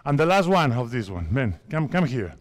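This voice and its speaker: A fifty-something basketball coach from Spain, a native Spanish speaker, instructs players on court with short commands in a big indoor hall. His mid-range voice shows big pitch swings at a moderate pace, and basketballs bounce in the background.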